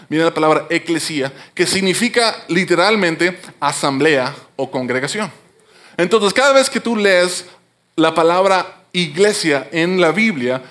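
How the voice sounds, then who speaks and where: High-voiced man preaching a sermon. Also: fairly bright tone. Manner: explanatory, conversational preaching with frequent restarts. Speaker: pastor.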